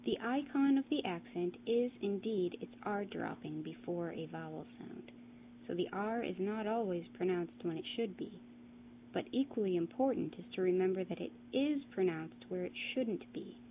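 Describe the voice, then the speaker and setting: A woman reads a scripted lesson on accents in a clear, deliberate manner, stretching out example words. Her voice sits in a middle range. The sound is narrow and phone-like, with a faint hiss underneath. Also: lowish voice, lively intonation. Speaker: narrator explaining a dialect. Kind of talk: scripted educational narration. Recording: lo-fi phone-like audio, faint noise.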